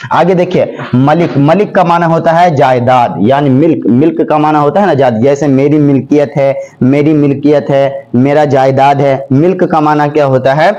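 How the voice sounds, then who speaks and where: A man's voice: fairly high pitch, fairly even intonation, mellow. A man teaching grammar for an exam. He asks questions and answers them himself, repeating key words with emphasis. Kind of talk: classroom-style exam lesson. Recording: slightly dull lo-fi recording.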